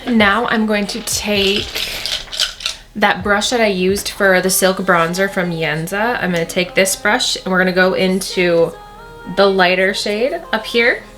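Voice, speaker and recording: A woman's voice: mid-range voice, fairly even intonation, unhurried, a bit bright, faint music behind. Chatty woman giving a makeup tutorial. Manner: chatty, repeats words for emphasis. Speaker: beauty vlogger.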